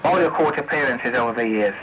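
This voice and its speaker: At medium pitch, fast and expressive, an angry English CB radio user hurls a repetitive, confrontational rant full of swearing. The old CB recording is noisy and muffled.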